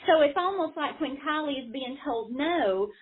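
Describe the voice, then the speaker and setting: A woman's voice: high voice, expressive, moderate pace. A caseworker, a woman, insistently explaining her side at length on a phone call. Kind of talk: phone conversation. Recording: tinny phone line.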